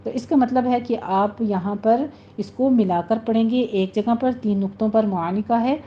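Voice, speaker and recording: A woman teaching a recitation lesson, patiently explaining rules step by step and slowly modelling the words. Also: fairly high pitch. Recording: slightly muffled recording with faint noise.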